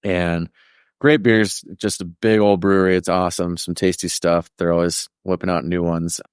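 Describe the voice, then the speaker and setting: A man's voice: sits low, little pitch movement, normal speed, clean tone, dry recording, clean studio sound. A man from Colorado as a podcast guest in casual chat, easygoing and slangy. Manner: easygoing, laughs often, slangy.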